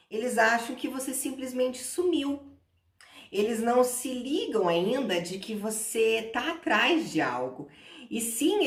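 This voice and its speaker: A woman who teaches English, giving parenting advice in an explanatory vlog and talking straight to mothers and fathers. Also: medium pitch. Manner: explanatory, addresses parents directly. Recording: roomy echo, voice from a distance.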